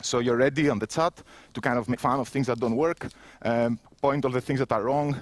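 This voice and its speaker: Standing in an empty indoor room with a headset mic, a keynote speaker in his thirties with a Greek accent delivers a self-mocking conference talk. His mid-range voice is brisk and steady, and his conversational delivery often restarts.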